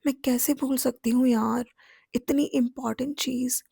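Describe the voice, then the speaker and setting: A woman's voice: sits high, fairly even intonation, measured pace, creaky, warm tone, breathy edge, dry recording, clean studio sound, heavily acted. A woman reading the lines of a playful young bride in a storybook romance. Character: cheerful young bride Ana.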